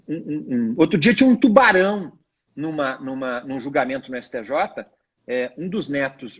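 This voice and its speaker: A man with a somewhat high, husky voice explains points in a didactic, emphatic manner, his pitch swinging widely as he stresses words. He is a lawyer guest on a live video chat. The audio is dull and lo-fi.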